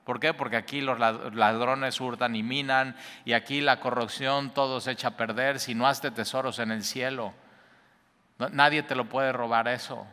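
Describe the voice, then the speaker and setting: A man with a Mexican accent preaching a conversational sermon, casual and animated, acting out quoted reactions in colloquial asides. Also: medium pitch, moderate pace, clear, resonant tone, big-room sound. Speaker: pastor.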